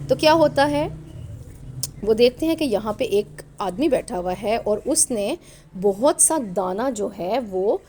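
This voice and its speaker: A woman's voice: medium pitch, mellow. A woman teacher reading a storybook aloud to young children, patiently spelling out the letters and asking questions as she goes.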